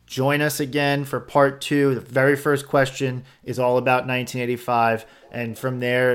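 A podcast host with a mid-range male voice wraps up the episode in an upbeat way. Faint music plays quietly under his voice. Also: mid-range voice. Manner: brief affirmations, upbeat sign-off. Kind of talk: podcast interview and outro.

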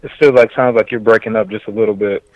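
A man calling in to a casual chat over a muffled remote line that breaks up, talking in a halting way and searching for words. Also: fairly low pitch, fairly even intonation, dry recording. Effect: muffled remote call line, audio breaking up. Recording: dull lo-fi dry call audio.

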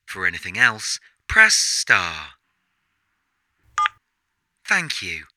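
A man voicing a smug automated phone menu for a comedy sketch, sounding flat and patronizing. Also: medium pitch, dry recording, heavily acted.

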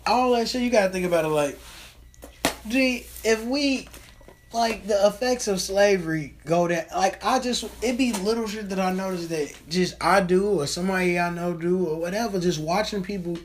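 A man's voice: sits high, normal speed, slight background noise. A man hosting a casual podcast, talking loosely and profanely with lots of fillers. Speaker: podcast host.

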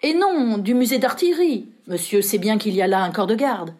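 A woman's voice: mid-range voice, animated, fairly quick, a little mellow, close to an everyday voice. A woman reader voicing an anxious, pleading male servant who is fussy and fearful. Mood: alarmed.

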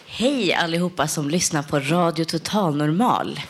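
A woman with a low, deep voice gives a short radio announcement about an event. She talks a bit hesitantly and fills her pauses. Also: breathy edge. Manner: hesitant, with fillers.

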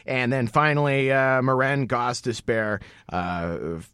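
A man co-hosting a casual sports podcast, laid-back and joking, talking in quick bursts. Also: medium pitch, lively intonation, fairly bright tone, clean tone, no echo, studio quality. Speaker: podcast co-host.

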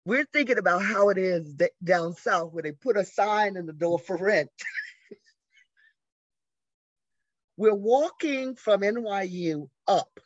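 A woman in her sixties from the American South tells her life story as an interview guest. She is an animated storyteller who acts out the voices of the people she quotes. The sound is dry and close, with a slightly dull, lo-fi quality. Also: medium pitch, takes it slowly, long pauses, dry recording. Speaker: interview guest, arts educator. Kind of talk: conversational storytelling.

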